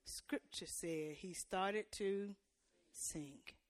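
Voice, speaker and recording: A woman preacher delivering a sermon in church. She uses call-and-response and playful asides to the congregation, and her preaching builds to loud, emphatic peaks. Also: medium pitch, extremely slow, dry recording.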